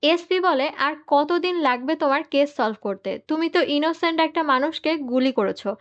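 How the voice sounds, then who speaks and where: A woman recounts a film's story in steady, scripted narration. Her voice sits high. The recording sounds dull and a little lo-fi. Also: normal speed. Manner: steady storytelling, reads out the characters' quoted lines in the same voice. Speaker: movie recap narrator.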